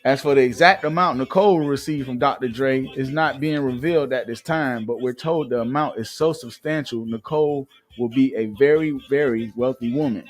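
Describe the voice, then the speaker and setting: Barely pausing, a man with a mid-range voice talks a little fast as host of a live show in Atlanta. He reads news aloud and chats casually, with lots of fillers and frequent restarts.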